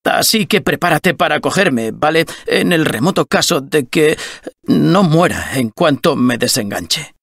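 Husky rambling robot sidekick. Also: male voice, a little high, unhurried, no room sound, studio quality, exaggerated voice. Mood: nervous. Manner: rambling, excitable. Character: chatty nervous male robot sidekick. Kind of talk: video game dubbing.

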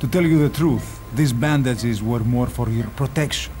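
A man playing a calm, grave game doctor. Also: medium pitch, slight background noise, close to an everyday voice. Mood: solemn. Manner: slow, measured, solemn delivery. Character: calm grave male doctor, measured and solemn. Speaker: video game character. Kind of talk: video game dialogue. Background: loud game music.

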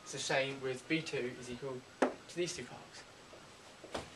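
A young man in his teens giving an informal, halting step-by-step card trick tutorial in amateur magician patter. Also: medium pitch, steady tone, heavy background noise. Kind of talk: informal step-by-step demonstration and explanation. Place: indoors at a table and whiteboard.

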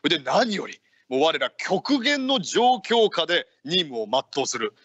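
A man's voice: a little high, big pitch swings, a little slow, a bit bright, husky, dry recording, highs cut off, full character voice. Man playing a hearty, lordly ninja chief. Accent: Aichi dialect. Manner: lordly, old-fashioned speech. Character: older male ninja leader, hearty and commanding. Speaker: radio host. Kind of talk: in-character radio talk in archaic samurai speech.

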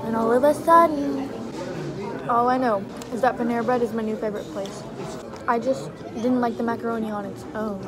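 Girl chatting with her mouth full, kinda high voice, bubbly and teasing, loud crowd all around. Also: steady tone, a little fast, poor audio. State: talking while chewing. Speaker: vlogger. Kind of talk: casual eating vlog chat. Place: busy public restaurant. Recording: loud crowd noise around the phone mic.

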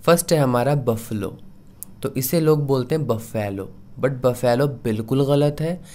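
A man teaching English pronunciation in a tutorial, sounding out each word slowly syllable by syllable. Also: mid-range voice, darkish tone. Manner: slow syllable-by-syllable drilling of words. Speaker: language teacher. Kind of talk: pronunciation lesson.

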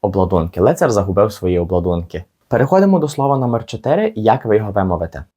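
A young man with a fairly low voice walks learners through English pronunciation. He explains patiently and repeats each word slowly so they can follow. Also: very animated, dark tone. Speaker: English teacher on his channel.

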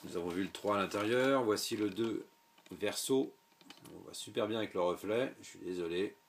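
A man's voice: on the low side, normal speed, creaky, background noise. A man talking through a game unboxing in a casual, hesitant way, full of fillers and offhand remarks. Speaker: video game unboxing vlogger.

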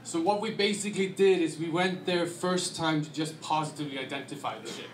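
A man's voice: on the high side, fairly quick, a little hiss or hum. Icelandic man presenting in an echoey room. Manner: relaxed, conversational with frequent fillers. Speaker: guest presenter. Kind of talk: slide presentation to an audience. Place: dim restaurant event room. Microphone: handheld mic.

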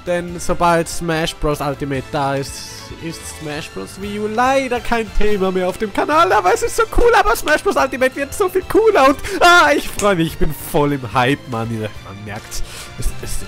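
This young Austrian gaming channel host talks at normal speed in a casual let's play while congested from a cold. Game music plays in the background as he alternates between excited outbursts and low mumbling.

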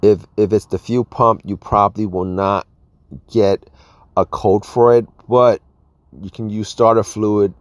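Standing outdoors at an open car engine bay, a man hosting a repair video talks through the job in a steady, low voice at a measured pace, with no echo. He rambles and keeps saying "all right" and "you guys."

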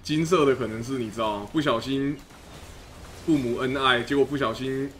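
A man's voice: medium pitch, fairly even intonation, normal speed, fairly bright tone. Young male game streamer, loose and profane, faint hiss under a desk mic. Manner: casual, joking, swears often. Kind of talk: casual live-stream commentary.

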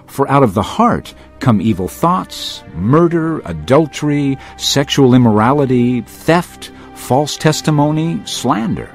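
A man's voice: medium pitch, lively intonation, soft background music. A man playing Jesus as a firm, earnest, emphatic teacher in a dramatised audiobook. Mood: earnest, teaching. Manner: emphatic, deliberate, declarative.

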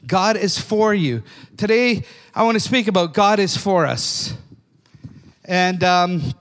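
High-voiced fervent older man preaching. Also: animated, slow, a bit bright. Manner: fervent, repeats "amen?" to the congregation. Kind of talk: sermon. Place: church. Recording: long reverb of a church hall.

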